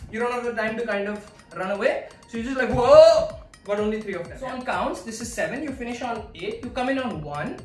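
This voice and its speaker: A woman teaching a dance routine, counting beats and breaking down each move while she demonstrates, a little breathy from dancing. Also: a little high, recorded from a distance. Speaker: dance instructor. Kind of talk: choreography tutorial. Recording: echoey room, voice off-mic, faint music.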